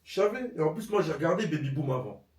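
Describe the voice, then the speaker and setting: A young man, chatting excitably as co-host of a storytelling vlog. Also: a little high, fast. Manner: slangy, excitable. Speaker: partner co-hosting the vlog. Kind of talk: casual storytelling chat. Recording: echoey room, off-mic.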